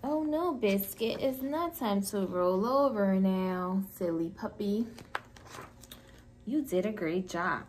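A woman who is a preschool teacher, reading a picture book to young children in a gentle storytime voice. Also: mid-range voice, a little hiss or hum, low-quality recording. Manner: gentle, slow, sing-song storytime delivery.

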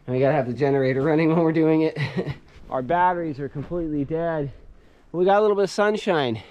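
A man's voice: a little high, quick pace, dull audio. A man in his thirties vlogging casually outdoors on a snowy homestead, explaining his gear as he works, recorded on a handheld action camera. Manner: easygoing, explains gear while working, chuckles often. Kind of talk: casual vlog talk to camera. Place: outdoors in snow on a rural homestead. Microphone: action camera held or strapped on.

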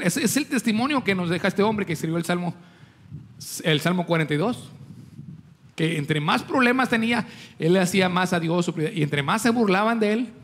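A man's voice: high voice, fairly bright tone. A male pastor, preaching a sermon, asking the congregation questions and joking with them. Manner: jokes with the congregation.

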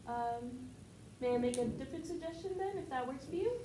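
A woman's voice: sits high, lively intonation, fairly quick. A young woman playing a polite family counselor who hesitates with many ums, in a student skit. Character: calm, patient family counselor. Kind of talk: student skit role-play. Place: classroom with a table. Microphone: far camera. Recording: echoey room, background noise.

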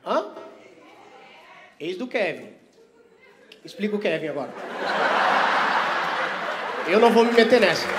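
A male stand-up comedian works the crowd, teasing and swearing, swinging from quiet asides to loud laughing bursts. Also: sits high, noisy background. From Vitória, Brazil. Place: comedy stage before a live audience.

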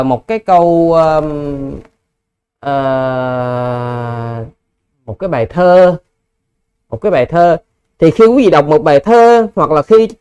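Male monk teacher, high clear voice, patient Q&A explanations to a lay audience. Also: darkish tone. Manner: patient, explanatory, addresses listeners politely. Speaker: Buddhist monk. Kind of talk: Dharma Q&A teaching.

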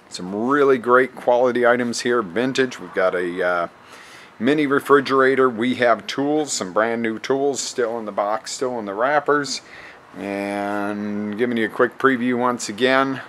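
Man, auction host, upbeat sales pitch, walking through an indoor showroom, camera mic, faint background noise. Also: a bit bright. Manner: upbeat sales pitch, repeating times and address. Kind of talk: promotional walkthrough.

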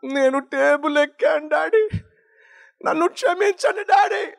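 A man's voice: moderate pace, fairly bright tone. A man voicing a young boy who cries and begs his father for forgiveness in a sermon story. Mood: pleading tearful. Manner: crying, begging, high and strained.

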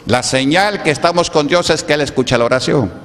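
A Pentecostal pastor, preaching a sermon and peppering it with rhetorical questions to the congregation. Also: male voice, a little high, a little fast, fairly bright tone. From Peru. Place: church hall. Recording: echoey church hall.

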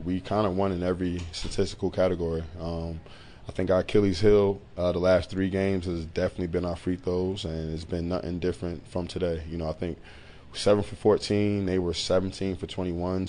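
Male head coach, deep and flat, blunt postgame talk with faint background hum. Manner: blunt, matter-of-fact. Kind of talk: postgame interview.

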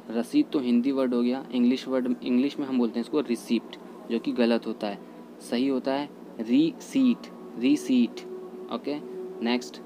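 A man teaching English pronunciation in a lesson, repeating each word slowly and carefully. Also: mid-range voice, mellow, slight background noise, poor audio. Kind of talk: Hindi-language pronunciation lesson.

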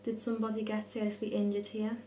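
A woman in her twenties leads a séance with solemn, spoken questions. Her intonation stays fairly flat at a middling pitch, and a faint hum runs under the recording. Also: fast talker, reverberant. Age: 20s. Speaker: leader of a spirit board session. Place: dim indoor room at night. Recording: low hum, faint noise.

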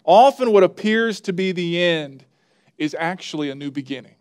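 This is a male pastor delivering a sermon in a plain, earnest, conversational way. His voice sits slightly higher than most men's. He leans into key phrases with rising emphasis. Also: lively intonation, moderate pace, a little mellow, smooth.

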